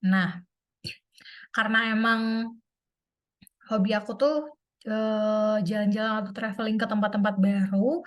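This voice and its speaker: A young woman chatting casually to her viewers in a vlog, with many fillers and a relaxed, talkative manner. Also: mid-range voice, unhurried, long pauses. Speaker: vlogger. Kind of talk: casual chat to camera.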